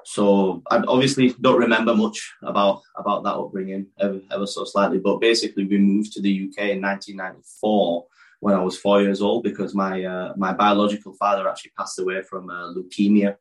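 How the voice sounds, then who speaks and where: A man's voice: sits low, level tone, fairly quick, low-quality recording. A man in his thirties, born in Pakistan and raised in the north of England, with Urdu as his first language, telling his life story as a wrestler guest in a casual interview, open and rambling with many restarts. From born in Pakistan, raised in West Yorkshire. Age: 30s.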